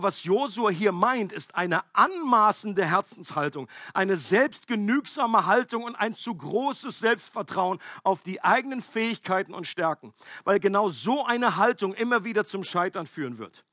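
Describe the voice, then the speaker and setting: Male preacher, high and slightly husky, dry close sound; emphatic, chatty sermon delivery. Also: dry recording. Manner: conversational, emphatic preaching with animated acted-out quotes.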